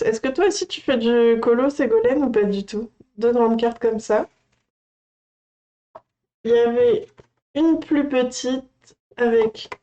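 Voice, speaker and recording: Gushing woman unboxing, mellow voice. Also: a little high, rough recording. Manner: gushing and excitable, chats to viewers. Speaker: coloring channel streamer. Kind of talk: casual livestream unboxing chat.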